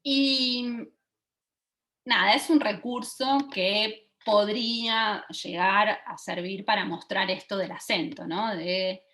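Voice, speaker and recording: A woman, giving an online teaching talk over a video call and often pausing to check that listeners are following. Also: medium pitch, fairly even intonation, a bit bright. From Argentina. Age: 40s. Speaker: lecturer.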